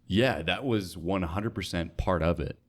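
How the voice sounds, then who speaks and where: A young American man from North Dakota, a radio sales associate, is a guest in a casual conversational interview. His voice is very deep, and he speaks in an unhurried, informal, reflective and earnest way, often saying "like."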